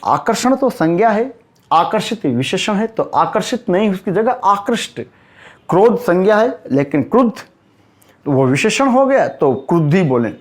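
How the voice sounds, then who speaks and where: A man teaches a spoken grammar lesson, speaking straight to his students, asking questions and answering them himself. He emphatically stresses each correct word form, repeating it slowly, in a high-sitting voice with big pitch swings.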